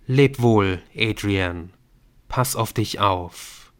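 Brief: man playing a calm, gently apologetic father, slow and low, audiobook. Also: smooth. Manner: calm, measured, softly repeating apologies.

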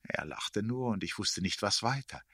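A man reads literary prose aloud, measured and expressive, sinking into a hush when the tension rises. His voice is very low and husky, with a sharp, cutting edge. The sound is close and entirely dry. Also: no room sound. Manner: measured, expressive, hushed in tense moments. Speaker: narrator. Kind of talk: literary audiobook reading.

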